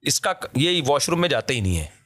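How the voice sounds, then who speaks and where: A man from Pakistan, a vlogger, talking in a casual discussion as an animated, emphatic storyteller who laughs often. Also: mid-range voice, brisk.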